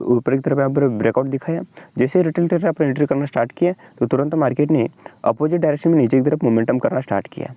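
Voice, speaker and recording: Indian guy racing through a chart tutorial, dark mellow voice, dry dull mic. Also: on the high side, no room sound. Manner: fast, repetitive explainer, keeps pointing at the chart. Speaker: trading channel host. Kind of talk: screen-share trading tutorial.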